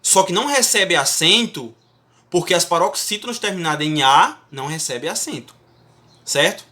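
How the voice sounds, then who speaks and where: A man teaches Portuguese grammar in a classroom-style lecture, his pitch swinging widely as he stresses syllables. His voice has a bright, forceful edge. He talks emphatically and keeps checking in with the class. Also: lively intonation, normal speed.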